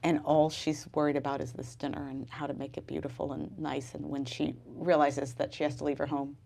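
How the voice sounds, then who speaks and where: A woman from the United States with a deep, creaky, darkish voice speaks fairly quickly with a flat delivery. Even so, she is described as speaking expressively, dramatically and emphatically about her novel, offering a literary reading and book talk at a live bookstore event.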